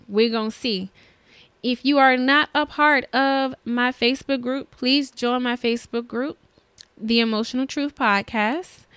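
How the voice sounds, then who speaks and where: A woman's voice: fairly high pitch, fairly bright tone, clean tone, dry recording. A woman hosting her own podcast, talking in an earnest, chatty, motivational way about her schedule and her goals. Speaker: podcast host. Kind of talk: solo podcast monologue.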